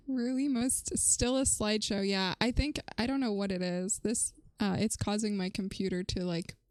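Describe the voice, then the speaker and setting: A woman live-streaming a game from home, chatting casually and rambling, prone to shrill startled shrieks. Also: lively intonation, normal speed, no echo. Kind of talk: casual live-stream chat while gaming.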